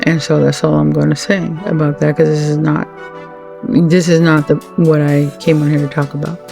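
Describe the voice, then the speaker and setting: A woman with a gravelly, creaky voice talks straight to her viewers in a heartfelt thank-you. She speaks earnestly and with faith, often pausing and starting her sentences over. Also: deep voice, little pitch movement, mellow, faint music behind. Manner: earnest and religious, halting with many fillers and restarts. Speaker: channel host, wife of the late channel owner.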